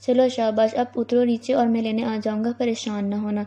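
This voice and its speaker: A woman's voice: fairly high pitch, flat delivery, mellow, lightly acted. Teasing big brother, read by a woman. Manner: playful, teasing. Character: teasing young man, fond elder brother. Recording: dull lo-fi recording.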